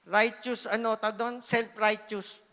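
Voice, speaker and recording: A man giving an earnest, emotional sermon testimony, swinging between loud pleading and hushed asides. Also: high-pitched, little pitch movement, unhurried. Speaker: church speaker giving testimony. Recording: reverberant church hall.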